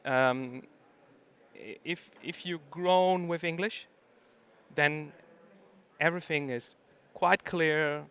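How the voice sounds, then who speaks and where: A middle-aged man giving a conference talk, stopping often to hesitate. His voice sits fairly high and sounds bright, clear and crisp through the microphone. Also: slow pace. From Germany. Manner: hesitant, many ums and uhs. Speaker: conference speaker.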